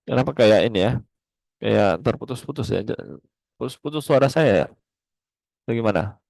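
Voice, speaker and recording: A man's voice: mid-range voice, animated, moderate pace, vocal fry, a little mellow, no room sound. Man lecturing over choppy call audio. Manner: explains step by step, tagging lines with "ya". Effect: choppy, cutting-out video-call audio. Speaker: accounting lecturer. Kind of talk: online class lecture. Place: online video call.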